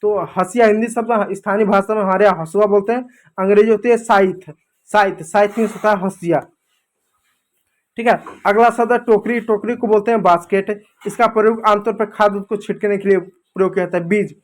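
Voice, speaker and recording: A man's voice: high-pitched, steady tone, a little fast. A man teaching English words in a chatty, repetitive way, checking in with the listener again and again. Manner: repeats words, keeps saying "theek hai" and "dekho doston". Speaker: English teacher on a kids' channel. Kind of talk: informal Hindi vocabulary lesson.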